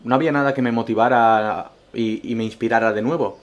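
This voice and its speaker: A Spanish man from Castellón, a gaming YouTuber, answers viewer questions in a casual vlog full of absurd jokes. His medium-pitched voice carries a Spanish accent and fairly even intonation at a brisk pace, swinging between loud bursts and mumbled asides. The recording sounds muffled.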